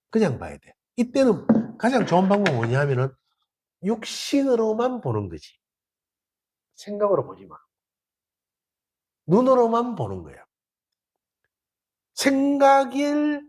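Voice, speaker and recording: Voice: mid-range voice, a little mellow, slightly rough. A dharma teacher with a Gyeongsang accent giving a Buddhist dharma talk in a temple hall, colloquial and acting out little dialogues. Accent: Gyeongsang Korean.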